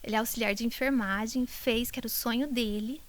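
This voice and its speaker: A middle-aged woman doctor talks on a podcast in a rather high voice. She tells her stories with feeling, swinging from bright outbursts down to near whispers. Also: brisk. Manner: emotional, animated storytelling that drops to a whisper. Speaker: doctor treating multiple sclerosis patients. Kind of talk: podcast interview storytelling.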